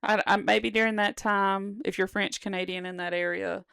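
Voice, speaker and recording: Brief: woman, 30s, podcast co-host, gravelly and playful. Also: mid-range voice, steady tone, moderate pace, a bit bright, dry recording, clean studio sound. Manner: laughs often, playful. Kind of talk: casual chat.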